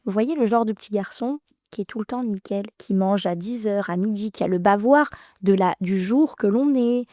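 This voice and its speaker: Recorded dry and clean in a studio, a thirty-something woman guesting on a podcast recounts something personal with emotion, stumbling and restarting many times. Her voice is mid-range and warm.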